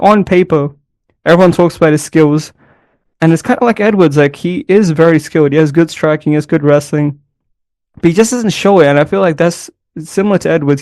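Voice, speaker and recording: A man's voice: a little high, a little mellow, dry recording, clean studio sound. Rambling man giving casual commentary. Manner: rambling, loose, sprinkled with "man" and "bro". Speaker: MMA commentator.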